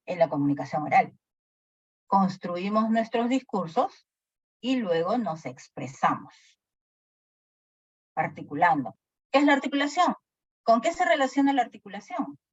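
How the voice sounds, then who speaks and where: A woman teacher lectures slowly, her pitch rising and falling a lot. Her voice is a little husky. The recording is dry and dull, with a lo-fi sound. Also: no room sound. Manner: animated, asks the class questions often. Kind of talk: classroom lecture with questions to students.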